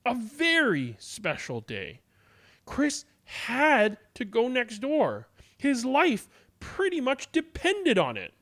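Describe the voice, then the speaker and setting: Reading a children's story aloud, this man uses a high voice and a dramatic, expressive delivery, stretching his words out on purpose.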